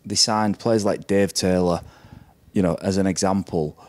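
A man's voice: deep voice, fairly even intonation, normal speed, a little mellow, dry recording. A man who is a former player, talking bluntly and rambling as a pundit on a live podcast in a brewery taproom.

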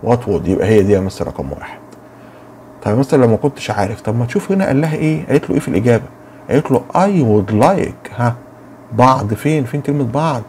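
Man, Egyptian Arabic accent, English teacher, dark mellow voice, faint background noise. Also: medium pitch, animated. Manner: asks and answers his own questions, slow drilled English phrases. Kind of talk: grammar lesson for children.

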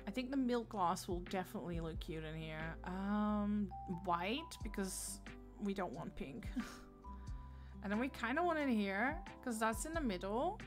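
A woman with a Dutch accent chatting casually on a gaming livestream, giggling often and greeting viewers by name. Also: medium pitch.

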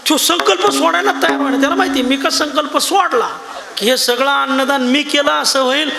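A man's voice: very high voice, brisk, vocal fry. A male kirtan preacher telling a saint's story as a sermon, folksy and joking with a live audience in a large hall. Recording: echoey hall with loud ambient noise.

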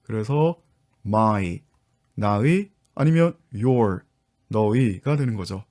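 A man leads an online English lesson and takes his viewers patiently through each step. His voice is mellow and relaxed, and his pitch sits in the middle range. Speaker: English teacher and book author.

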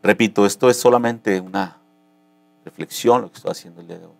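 A man pastor delivering a sermon, moving between calm teaching and impassioned, rising preaching. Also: lowish voice, fast, creaky, no echo.

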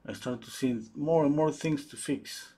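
A man's voice: a little high, normal speed, warm tone. A man hosting a live oil-painting stream. He thinks aloud while he paints, answers viewers' chat, and often restarts his sentences. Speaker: painting livestream host.

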